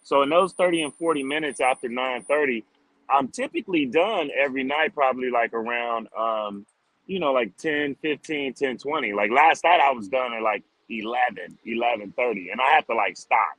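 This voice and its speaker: With a lively, mid-range voice that's a bit bright, this man responds to interview questions as a street drummer at a moderate pace. His answers are relaxed and cheerful, peppered with "like" and "man," on poor audio with no room sound.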